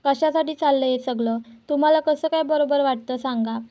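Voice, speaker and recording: A woman's voice: sits high, normal speed, natural voice. Woman reading as a scolding proud young wife. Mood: angry scolding. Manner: sharp and scolding. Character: proud angry young wife, scolding her timid husband.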